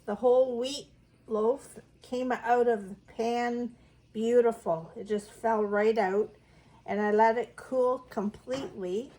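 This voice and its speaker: A woman's voice: a little high, a little mellow. A middle-aged woman chatting homily through a bread recipe in her kitchen. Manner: homey, chatty, step-by-step. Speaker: home baking vlogger. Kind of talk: casual cooking demonstration.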